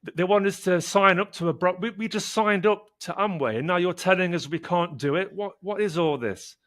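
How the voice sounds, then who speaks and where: A man putting on a furious shrill woman. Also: a little fast, a bit bright. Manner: indignant, shrill questioning. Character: furious newly signed-up woman recruit.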